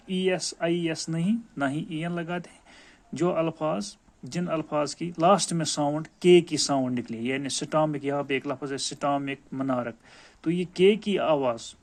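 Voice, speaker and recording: A male school teacher with a Kashmiri accent gives a grammar lesson, explaining patiently and calling his pupils dear children. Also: fairly high pitch.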